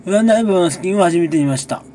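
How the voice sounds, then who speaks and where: Mellow-voiced man chatting casually. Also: high voice, quick pace, a little hiss or hum. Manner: relaxed rambling asides with frequent chuckles; talks while sipping a drink. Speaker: gaming video creator. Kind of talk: casual monthly recap chat.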